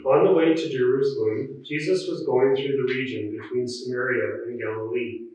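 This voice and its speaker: A man reading scripture at a church service in a measured, solemn, formal liturgical way, with an echoing cathedral-like sound. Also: medium pitch, fairly even intonation, a little mellow. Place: large reverberant church. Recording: very echoey church, distant muffled mic.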